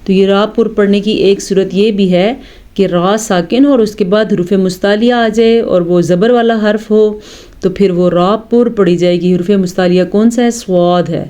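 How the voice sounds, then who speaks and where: A woman teaches tajweed in a smooth, clear voice of middle pitch. She explains each rule patiently and then chants the verses slowly, drawing out the vowels. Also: fairly even intonation, warm tone. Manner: explains rules slowly, then recites verses drawn out and melodic. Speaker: Quran recitation teacher. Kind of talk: tajweed lesson.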